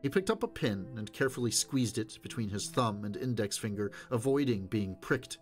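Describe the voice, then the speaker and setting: A man narrating a novel in a steady, measured reading voice. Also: fairly low pitch, faint music behind. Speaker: audiobook reader.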